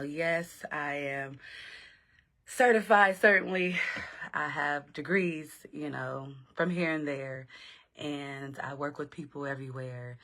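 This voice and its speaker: A middle-aged woman from Los Angeles, hosting and telling a personal story in a casual, animated way, often laughing. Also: sits low. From South Central Los Angeles. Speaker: host, personal growth coach.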